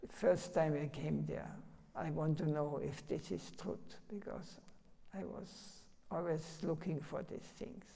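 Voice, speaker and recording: An older man, a spiritual teacher, giving a sermon and telling stories in halting, broken English. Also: a little high, steady tone, vocal fry, dark tone, in a large hall. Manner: halting, storytelling, broken non-native phrasing. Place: temple hall.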